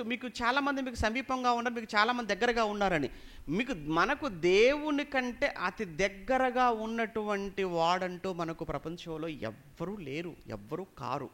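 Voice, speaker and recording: A man preaching a sermon, emphatic, repeating phrases and questioning his listeners, swinging between loud and hushed. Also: high voice. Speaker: pastor.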